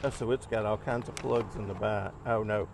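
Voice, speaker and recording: A man's voice: on the low side, steady tone, moderate pace. A man talking casually and plainly as a customer trying out a scooter, with a folksy manner. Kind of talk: casual chat. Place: outdoors. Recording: outdoor ambient noise.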